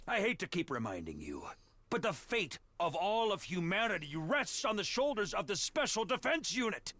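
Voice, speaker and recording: An actor voicing a peppy little mascot commander in a video game, making bombastic announcements like an armed forces radio wake-up call. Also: male voice, extremely high pitch, bright, forceful tone, dry recording, exaggerated voice. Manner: bombastic, theatrical.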